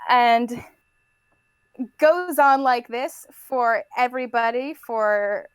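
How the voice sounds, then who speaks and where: A woman's voice: a little high, slow pace, clear, resonant tone, no room sound. A woman narrating as game master in a chatty way, with frequent fillers.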